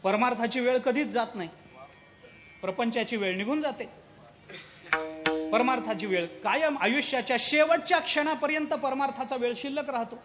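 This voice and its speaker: A man voicing a patient male divine sage who answers gently. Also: extremely high pitch, normal speed, pauses often, soft background music. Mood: calm. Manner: gentle, reassuring.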